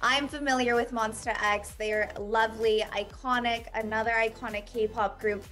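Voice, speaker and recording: A woman's voice: fairly high pitch, steady tone, moderate pace, a bit bright, faint music behind. A young woman hosting a video-call interview with a band from a small room, gushing and upbeat. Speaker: host. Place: small indoor room, dark backdrop.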